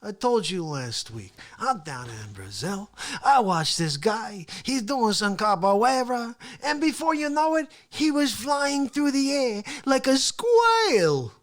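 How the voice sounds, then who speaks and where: A performer playing a brash, boastful male talk-show host who rambles through a comedy rant, swinging between loud yelling and hushed asides. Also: mid-range voice, big pitch swings, takes it slowly, hardly any pauses. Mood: rambling, boastful. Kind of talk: comedic character monologue.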